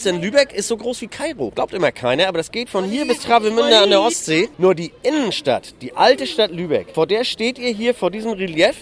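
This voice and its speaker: Middle-aged man, city guide, lively and proud, pitched high, outdoors on a square. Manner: cheerful, proud, lively explaining. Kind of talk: explaining to a group of kids.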